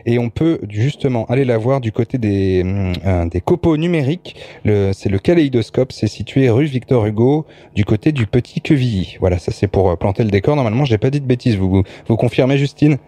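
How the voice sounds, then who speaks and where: A man's voice: mid-range voice, animated, a little fast, hardly any pauses, mellow, no room sound. A man hosting a radio interview in a casual way, hesitant with many fillers and restarts. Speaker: radio host.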